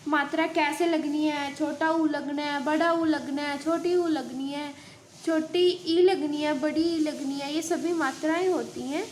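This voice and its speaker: A woman's voice: high-pitched, a little hiss or hum. A woman school teacher giving a lesson in Hindi, explaining step by step and asking and answering her own questions. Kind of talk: online class lesson.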